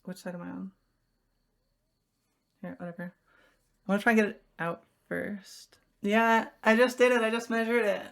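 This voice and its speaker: A young woman streaming from home, talking casually and rambling to her chat as she works at something. Her voice has a gravelly fry running through it, at a middle pitch for a woman. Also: flat delivery, normal speed, pauses often. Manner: rambling, chatty, talking to viewers while fiddling.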